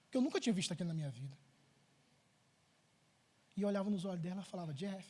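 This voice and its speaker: A middle-aged man, a pastor preaching a sermon in church, telling a personal story with animated swings between loud and hushed delivery. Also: high-pitched, rapid-fire.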